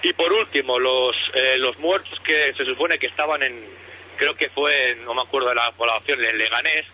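A man from calling in to a radio show over the phone, talking in a halting way and piling up details with many restarts. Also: mid-range voice, sharp tone, a little hiss or hum. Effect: heard over a phone line. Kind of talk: call-in conspiracy talk.

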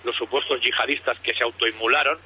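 A man from calling in to a radio show over the phone, talking in a halting way and piling up details with many restarts. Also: medium pitch, steady tone, pushed and bright, slight background noise. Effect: heard over a phone line. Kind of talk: call-in conspiracy talk.

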